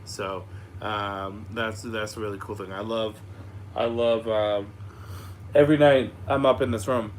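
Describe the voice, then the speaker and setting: On a live Q&A stream from upstairs at home, a young man chats casually with viewers, rambling, frank, and free with swearing. His voice is on the low side, steady in tone, and a little slow, and its slight rasp is giving out after he was sick. Clearly audible background noise runs underneath.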